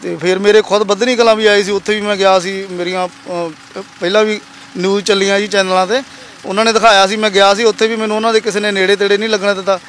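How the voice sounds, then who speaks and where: Fast, earnest high-voiced man. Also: flat delivery, a bit bright, a little hiss or hum. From Punjab. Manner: earnest, polite, emotional. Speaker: interviewee, laborer and father. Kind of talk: emotional interview testimony.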